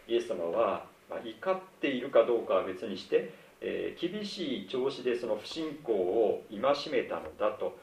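A middle-aged man preaching a sermon in a conversational, measured way, acting out the quoted lines. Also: fairly low pitch, darkish tone. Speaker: pastor. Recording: roomy, distant mic with faint ambience.

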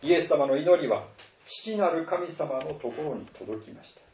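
A man's voice: fairly high pitch, lively intonation, moderate pace, dark tone. Earnest male pastor preaching in a roomy hall. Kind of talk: sermon. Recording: roomy, distant, dull sound.

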